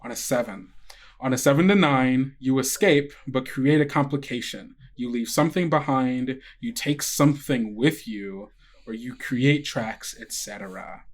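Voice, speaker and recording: Running a tabletop session, a male game master improvises his narration, speaking conversationally and haltingly. His voice is medium-pitched.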